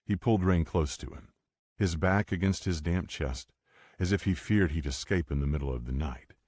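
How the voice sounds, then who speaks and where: A man reading an audiobook romance in a steady, unhurried narration. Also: low-pitched, no room sound, clean studio sound. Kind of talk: scripted narration.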